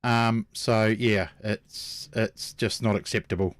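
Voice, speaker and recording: A man's voice: fairly low pitch, fairly even intonation, slow, no room sound. A man with a New Zealand accent hosting a live stream in a casual, blunt, informal way. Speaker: host.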